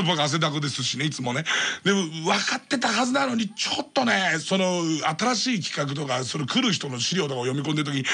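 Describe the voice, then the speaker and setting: Late night radio guy rambling and laughing at himself, high lively voice, kinda gravelly and husky. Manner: rambling, self-mocking, laughing through his own story. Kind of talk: solo radio monologue, comic storytelling. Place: radio studio. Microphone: studio microphone. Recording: old cassette or MD radio recording.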